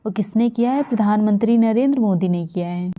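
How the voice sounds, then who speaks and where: A woman's voice: mid-range voice, brisk, mellow. A woman from India giving a current affairs lecture for exam preparation, repeating key facts with frequent fillers. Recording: dull lo-fi recording.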